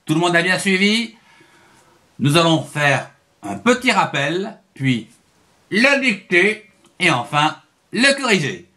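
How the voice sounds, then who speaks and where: A male teacher leading a children's lesson, speaking very slowly and carefully. His voice is bright and moves up and down in lively patterns to keep young learners following along. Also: high-pitched. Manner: slow, clearly articulated teaching.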